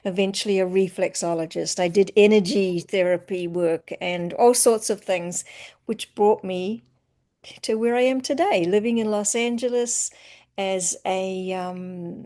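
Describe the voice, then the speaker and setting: A New Zealand woman who works as an empowerment coach talks about her job in a casual interview. Her mid-range voice moves at a moderate pace, relaxed and reflective, often trailing off softly at the ends of phrases.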